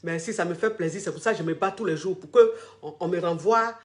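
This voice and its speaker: A woman's voice: lowish voice, fast talker, echoey room. A woman, coaching callers on a live stream in a crude, teasing, repetitive way and often laughing. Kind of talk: livestream advice chat.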